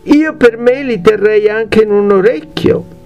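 A man's voice: high voice, a little slow, a little mellow, faint music behind, voice pushed up. A man voicing a humble young soldier drummer in a fairy tale, polite and eager. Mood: cheerful.

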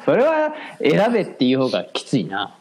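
A man with a Kansai accent in casual chat, giving quick back-channel reactions and teasing jabs. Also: a little high, huge pitch swings, a little mellow. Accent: Kansai Japanese. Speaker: podcast co-host.

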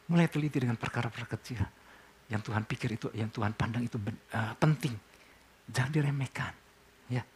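A pastor in his speech preaches to his congregation. His tone is conversational. He keeps asking questions and answering them himself, and his voice sits at an ordinary middle pitch. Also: a little fast, slight background noise. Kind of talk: sermon.

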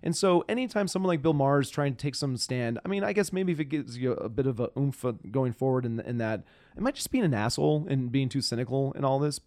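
A man hosting a political chat show, talking in frustrated, profane bursts that stall and restart as he hunts for words. His voice is mid-pitched and sits close and dry on the mic, with no room sound around it. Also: lively intonation, fast talker, a little mellow, no echo. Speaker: podcast host.

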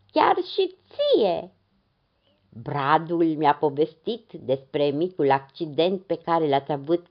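A woman voicing the raspy, jolly spirit of winter frost in a storybook tale, on a dull lo-fi recording. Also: fairly low pitch, voice pushed up, heavily acted. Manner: jolly, laughing.

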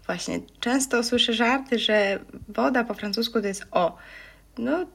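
A woman hosting a casual French lesson podcast for Polish speakers, slowly repeating French words with chatty asides. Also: fairly high pitch, vocal fry, fairly bright tone, breathy edge. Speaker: French teacher, podcast host.

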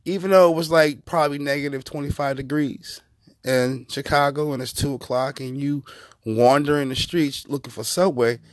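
A man hosting a podcast, giving profane, mocking comedic commentary in an animated way. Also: a little high, moderate pace, no room sound, clean studio sound. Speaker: podcast host.

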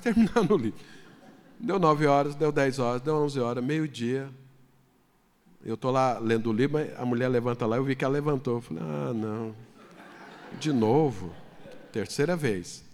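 A man pastor telling a personal story in a sermon, then building to loud, fervent preaching. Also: medium pitch. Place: church hall. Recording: long hall reverb.

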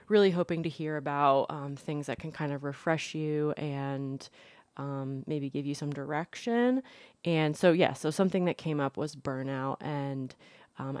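Low-voiced young woman, casual podcast host. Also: darkish tone, no echo, studio quality. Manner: informal, conversational, hedging with "like" and "you know". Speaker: podcast host and mental health therapist. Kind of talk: casual solo podcast talk. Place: indoors, temporary room with little insulation.

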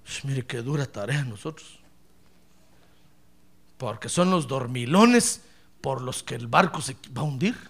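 A male pastor preaching a sermon, addressing the congregation directly and swinging from hushed asides to shouts. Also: mid-range voice, expressive, unhurried, long pauses, husky. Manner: acts out quoted voices and addresses congregation directly.

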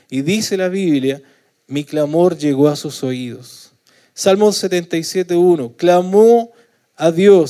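Chilean man preaching, dark mellow voice. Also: high voice. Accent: Chilean Spanish. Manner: asks the congregation for agreement with frequent tag questions; rises to loud pleading when voicing prayers, drops soft at phrase ends. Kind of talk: sermon.

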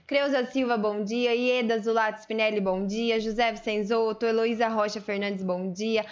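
A woman co-hosting a live show, reading listener greetings in a brisk, friendly way. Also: fairly high pitch, steady tone, clean tone. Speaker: co-host. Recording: dull lo-fi broadcast audio.

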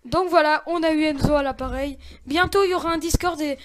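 Chatty high-voiced woman, dry sound. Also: a little fast, no room sound. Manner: chatty, restarts, giggly. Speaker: host of a home-made news show. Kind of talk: casual improvised show talk.

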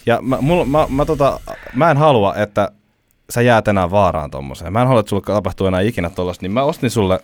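A man's voice: lowish voice, lively intonation, few pauses, no room sound. A man guesting on a podcast, talking casually, rambling with fillers and cracking jokes. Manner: rambling, jokey, trails off with fillers.

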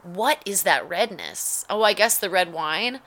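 Bright-voiced woman, wry commentary. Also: fairly low pitch, lively intonation, a little slow. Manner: wry, sarcastic running narration. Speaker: commentator reacting to a cooking show. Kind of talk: casual play-by-play commentary. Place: at home. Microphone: home recording mic.

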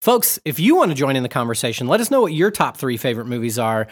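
A man's voice: mid-range voice, big pitch swings, fast. A young adult man co-hosting a podcast in casual, upbeat, joking chat. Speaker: podcast co-host.

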